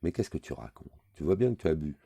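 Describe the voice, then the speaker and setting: A man reading a novel aloud, voicing a sharp-tongued young woman who scolds her lover. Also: rumbling low, sing-song, fast, creaky, husky, dry recording, clean studio sound, heavily acted. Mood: reproachful. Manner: cutting, scolding.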